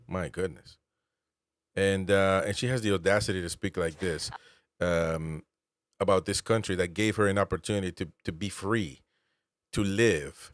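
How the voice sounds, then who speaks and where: A man's voice: deep voice, normal speed, no room sound. Emphatic man from Peru, dry close mic. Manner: emphatic, incredulous rhetorical questions. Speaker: show host, military veteran. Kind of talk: political commentary.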